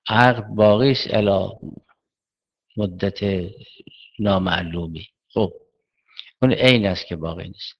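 A man lectures on Islamic jurisprudence in a measured, methodical way, raising questions and answering them himself. His voice sits low. The recording is dull and lo-fi. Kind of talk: seminary lecture.

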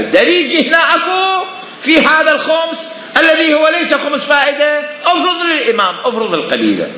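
A man's voice: sits high, sharp tone, reverberant, long reverb tail, a little hiss or hum. A man giving a seminary lecture on religious law, emphatic and full of rhetorical questions.

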